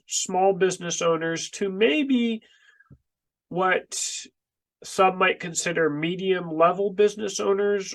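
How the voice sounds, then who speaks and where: A man with a stuffy, congested nose and short breath, talking to camera in a halting, emphatic way as a channel host, close to the microphone. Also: on the high side, fairly bright tone. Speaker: online video channel host, small business owner. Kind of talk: casual vlog monologue to camera. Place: indoors in a basement workroom. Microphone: microphone close in front of the face.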